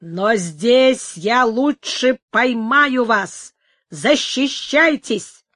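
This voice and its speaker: A woman's voice: sits high, unhurried, fairly bright tone, no room sound, clean studio sound. A woman reading the lines of a passionate young nobleman in an audiobook, pleading and exclaiming. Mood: defiant.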